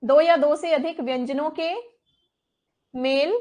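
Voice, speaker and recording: A woman with a high voice teaches an exam coaching lesson. She speaks slowly and repeats each term. She asks the class questions and then answers them herself. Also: steady tone, a little mellow. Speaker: Hindi teacher.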